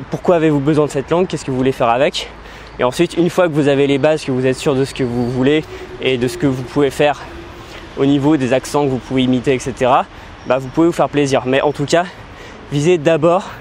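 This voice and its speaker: A man's voice: medium pitch, a little mellow, slight background noise. Chatty man explaining language tips. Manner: conversational, frequent fillers and restarts. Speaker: language-learning channel host. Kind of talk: casual explanatory video talk.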